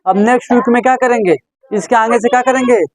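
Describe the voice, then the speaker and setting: An English teacher with an extremely high-pitched voice talks fast with fairly even intonation, putting questions to his students and drilling phrases over and over with them. The audio is dry and low quality.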